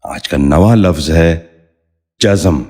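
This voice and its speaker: A middle-aged man reading a formal, scripted pronunciation lesson, saying each word slowly and carefully and repeating it. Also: sits low, sing-song, a little mellow. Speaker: Urdu pronunciation teacher.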